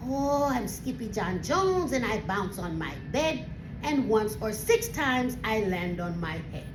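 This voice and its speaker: Woman as small boy kitten hero, storybook style: boastful, theatrical, mock Spanish accent, high and lively. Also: a little slow, noisy background. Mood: bouncy. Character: excitable little boy Siamese kitten playing a heroic Chihuahua swordfighter. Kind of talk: animated storybook reading. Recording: roomy echo, music behind.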